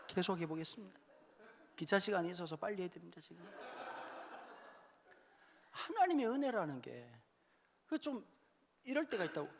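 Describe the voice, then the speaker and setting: A man in his fifties preaching a sermon in a church hall, joking and suddenly shouting when he acts out quotes. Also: high voice, big pitch swings, normal speed, gravelly, long pauses, a little hiss or hum. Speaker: pastor. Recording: echoey hall sound.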